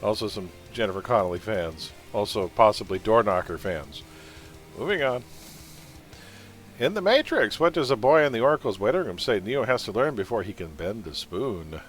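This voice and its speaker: A man's voice: fairly low pitch, expressive, moderate pace, soft background music. A man hosting a trivia quiz on a livestream, reading questions and making sarcastic jokes between them.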